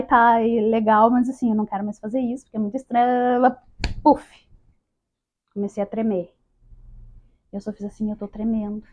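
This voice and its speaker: A woman telling her spiritist experiences to an audience, acting out dialogue and often calling out to her listeners. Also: a little high. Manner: lively storyteller acting out dialogue, addresses listeners as "gente". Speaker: spiritist speaker. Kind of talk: testimonial talk to an audience. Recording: dull lo-fi sound.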